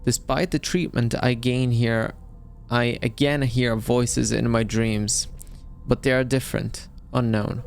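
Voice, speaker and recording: A man's voice: mid-range voice, steady tone, unhurried, creaky, slight background noise. A man casually commenting on a horror game as he plays, reacting aloud and reading on-screen text. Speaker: gameplay streamer. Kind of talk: casual let's-play commentary. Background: game music.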